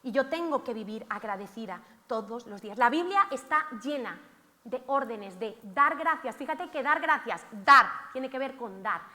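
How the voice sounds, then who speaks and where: A woman preacher with a high, bright voice delivers a dramatic sermon. She acts out cries aloud, and her voice carries with a long reverb in a church hall. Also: animated, moderate pace. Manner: theatrical, shouts out acted cries of the lepers.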